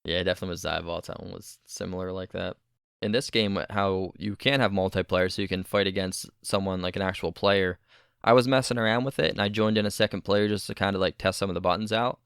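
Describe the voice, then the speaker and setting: A man's voice: sits low, fairly even intonation, quick pace, gravelly, fairly bright tone, clean tone, no room sound, clean studio sound. A man co-hosting a casual gaming podcast, rambling and correcting himself as he talks, often laughing. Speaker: podcast co-host.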